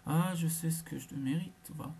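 A woman reading the part of a capricious young woman who taunts her lover, in a low half-whispered voice. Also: moderate pace, dark tone, a little hiss or hum. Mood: provoking.

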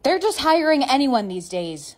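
A woman's voice: high voice, big pitch swings, moderate pace, pitched above the performer's own voice. A woman acting as an exasperated young woman in comedy skits, complaining and indignant.

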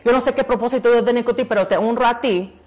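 A woman's voice: a little high, fast talker, darkish tone. Earnest woman giving church testimony. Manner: earnest, preachy, repeats phrases for emphasis; mixes in English words. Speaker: interview guest, pastor's daughter. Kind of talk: emotional testimony in a church interview.

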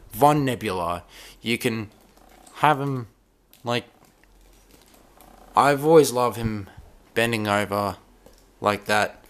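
A man with a mid-range, slightly bright voice reviews a toy hands-on in a dim room. His casual talk rambles and stops and starts again and again.

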